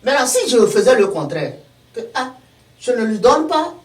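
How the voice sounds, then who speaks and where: A man's voice: very high voice, normal speed, a little hiss or hum. A man from Togo with a Togolese accent, a guest explaining ideas through everyday examples in a casual talk. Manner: animated, explains with worked examples. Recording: echoey room, far from mic.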